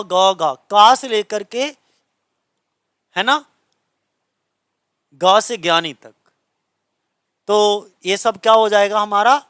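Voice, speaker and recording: A man's voice: high-pitched, bright, forceful tone, clean tone, no room sound, studio quality. A man from India teaching a grammar lesson in a coaching class, explaining patiently, repeating points and checking that students follow.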